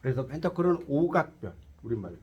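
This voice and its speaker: A man's voice: medium pitch, sing-song, quick pace, muffled recording, a crowd in the background. A man teaching a tarot lecture to a class, quizzing his students and cracking jokes as he explains. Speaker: tarot instructor.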